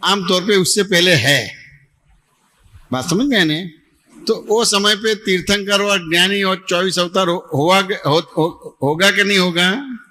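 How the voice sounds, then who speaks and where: A man's voice: high-pitched, measured pace, sharp tone. A man leading a satsang question-and-answer session as a spiritual teacher, patient and repetitive, often checking that he is understood. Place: devotional gathering hall in Ahmedabad.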